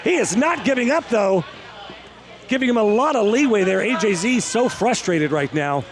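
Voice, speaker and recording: A man calling wrestling play-by-play as a commentator, excited and emphatic, breaking into shouts on the big moves. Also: sits high, moderate pace, crowd noise. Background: music, arena.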